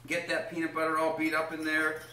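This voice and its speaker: This young man's voice is on the high side, bright and forceful, a little fast, yet completely flat in delivery, with slight background noise in an echoey home kitchen. Hosting a casual cooking demonstration, he explains each step in an upbeat, encouraging way and cheers on a small child helping out.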